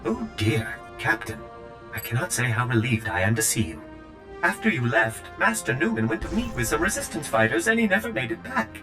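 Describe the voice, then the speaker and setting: An actor playing a prim, fussy male servant droid in a video game, with a polished, too-smooth android delivery. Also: lowish voice, expressive, brisk, music in the background, lightly acted. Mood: relieved. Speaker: game character.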